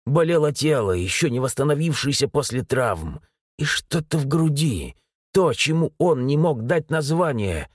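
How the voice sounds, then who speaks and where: In a scripted audiobook narration, a man reads a dark novel with expressive storytelling. His voice sits in the mid range at a moderate pace, and the recording is dry and studio quality.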